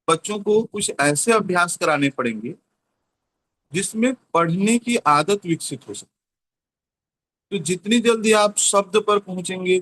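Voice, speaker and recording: A man explaining a teaching method in an online class, slowly repeating example words. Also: high voice, a bit bright. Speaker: teacher training trainer.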